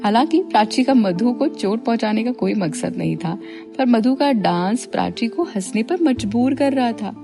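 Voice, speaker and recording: A woman storyteller reading a scripted audio story in a steady, expressive way. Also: a little high, normal speed, vocal fry, music in the background.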